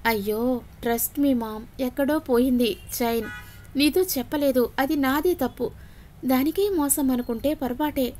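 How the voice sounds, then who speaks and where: A woman's voice: sits high, a little slow, dark tone, a little hiss or hum. A woman voicing a defensive young son. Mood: pleading. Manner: insistent protesting denials.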